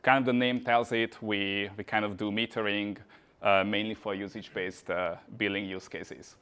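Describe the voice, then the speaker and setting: A man's voice: lowish voice, flat delivery, normal speed, sharp tone, clean tone. A man from Hungary, giving a casual tech meetup talk with frequent "uh" and "kind of" fillers. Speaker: conference speaker. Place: meetup venue.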